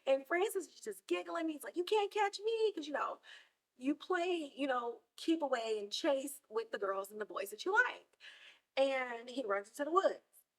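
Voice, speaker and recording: A woman hosts a podcast recap in a loose, chatty way. Her fairly high voice swings widely, leaping into loud, high bursts as she plays out each character. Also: moderate pace. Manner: animated storytelling, acts out characters with big high-pitched bursts. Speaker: podcast host. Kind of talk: casual recap chat.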